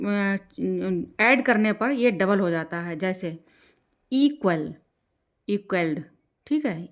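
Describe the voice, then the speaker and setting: A woman teaching an exam-prep grammar lesson in Hindi, slowing down when she reads rules aloud and often checking in with "ठीक है". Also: mid-range voice. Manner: explains in Hindi, slows down to read English rules aloud; repeats "ठीक है" to check in with learners.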